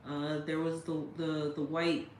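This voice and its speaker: Low-voiced woman in casual commentary. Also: little pitch movement, unhurried, a little mellow. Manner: conversational, checks in with the listener often. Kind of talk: casual commentary reading quotes aloud. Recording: roomy echo with faint noise.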